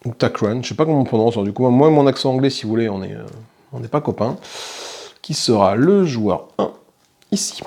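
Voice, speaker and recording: A man's voice: mid-range voice, expressive, brisk, vocal fry, warm tone. A man hosting a tabletop game channel, casually explaining a solo playthrough and thinking aloud with small self-corrections. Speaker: board game channel host.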